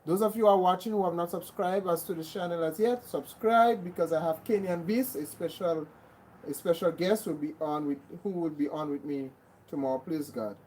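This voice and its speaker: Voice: medium pitch, fairly quick, darkish tone, poor audio. Grenadian host on a live stream, says welcome welcome and thank you over and over, slight background noise. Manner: repeats greetings, thanks viewers by name. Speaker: livestream host. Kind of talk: casual livestream chat.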